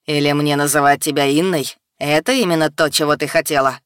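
Direction: a cold, low, taunting inner voice from a woman narrator. Keep it dry and close to the mic. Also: fairly even intonation, a little fast, clear, resonant tone, dry recording, lightly acted. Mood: mocking. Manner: mocking, sneering questions. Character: cold taunting voice inside the heroine's head.

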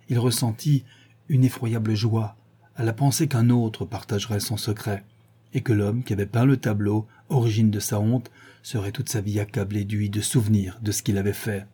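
Dark, husky male audiobook narrator. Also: fairly low pitch, fairly even intonation, moderate pace. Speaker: audiobook reader.

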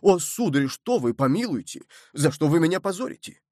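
A man's voice: a little high, big pitch swings, normal speed, warm tone, dry recording, studio quality, voice pushed up. A man voicing a cowardly young lackey who whines and protests. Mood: protesting. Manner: whining, protesting. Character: cowardly greedy young male lackey, whining.

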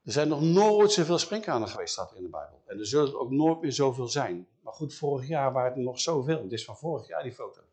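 Lively man telling a Bible story. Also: mid-range voice, quick pace, hardly any pauses. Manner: lively, talks straight to listeners.

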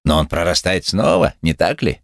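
A man's voice: deep voice, expressive, normal speed, no room sound, clean studio sound. A man voicing a sneering one-legged male cynic who speaks with mocking contempt. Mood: defiant.

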